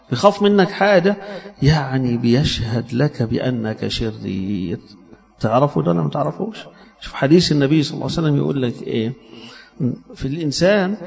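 Gravelly Egyptian preacher man. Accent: Egyptian Arabic. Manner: swings between emphatic raised lines and soft low asides. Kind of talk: sermon.

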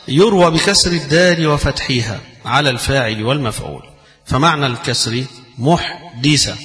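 A man's voice: medium pitch, a bit bright. A man with an Egyptian accent giving a religious lesson. He moves between classical recitation and colloquial explanation and raises his voice when quoting. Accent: Egyptian Arabic. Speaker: Islamic scholar teaching hadith. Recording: long hall reverb.

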